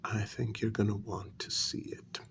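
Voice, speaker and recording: In a soft, mostly whispered ASMR role-play, a man plays a measured, insinuating vampire in service to his queen, leaving deliberate, drawn-out pauses. His voice is lowish, level, and creaky, with a grave, probing mood.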